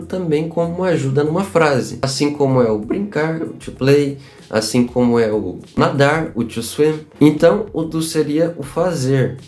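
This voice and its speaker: A man's voice: fairly high pitch, a little mellow. Upbeat Brazilian man teaching English. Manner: upbeat, chatty, repeats examples slowly. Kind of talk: casual online lesson.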